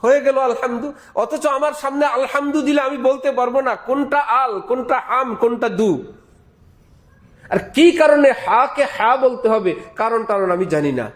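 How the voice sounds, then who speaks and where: High-voiced man preaching a sermon. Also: unhurried. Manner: emphatic, repeats key phrases, rhetorical questions. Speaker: Islamic preacher. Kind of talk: Bengali waz sermon.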